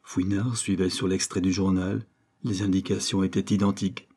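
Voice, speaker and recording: Low, dark, husky male narrator. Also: level tone. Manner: measured storytelling. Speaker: audiobook reader. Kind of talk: scripted narration of a novel.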